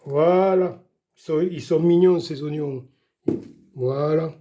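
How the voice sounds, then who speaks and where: A man's voice: on the high side, slow pace, dark tone. An older man giving a chatty, folksy cooking demonstration in his home kitchen, talking viewers through each step. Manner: chatty, folksy, keeps saying "voilà" and "doucement". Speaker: home cook showing a recipe.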